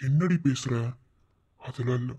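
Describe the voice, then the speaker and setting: A man's voice: medium pitch, normal speed, warm tone, breathy edge, lightly acted. A man voicing a young village man in a cartoon who gives up his love, speaking firmly with a Madurai Tamil accent. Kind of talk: cartoon voice acting.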